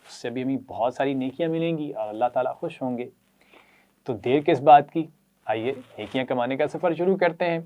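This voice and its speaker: A man's voice: medium pitch, mellow. A man teaching children a Quran reading lesson with a Pakistani Urdu accent. He praises them often and leads them in repeating letters and sounds.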